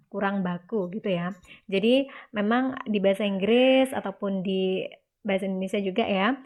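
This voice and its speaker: A young woman teaching an English class, explaining slides in a chatty way with frequent tag fillers. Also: mid-range voice. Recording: dull lo-fi recording.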